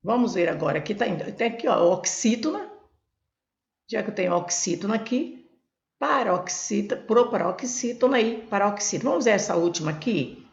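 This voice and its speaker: A woman tutoring for Portuguese exams, going through questions slowly and repeating each syllable type for her students. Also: mid-range voice, lively intonation, vocal fry. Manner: repetitive, spells out syllables, addresses students as gente. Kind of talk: explaining exam questions. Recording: echoey room, dull lo-fi sound.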